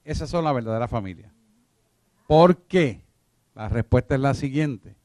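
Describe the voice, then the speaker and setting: A man's voice: medium pitch, moderate pace, darkish tone, no room sound. A man teaching a church discipleship class, emphatic and repetitive, often asking if his listeners follow him. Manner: emphatic, repeats himself, asks listeners if they follow.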